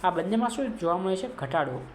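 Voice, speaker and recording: A woman's voice: fairly low pitch, lively intonation, brisk. A woman with a Gujarati accent teaching a chemistry revision lesson. She asks questions and then answers them herself. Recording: echoey room, faint background noise.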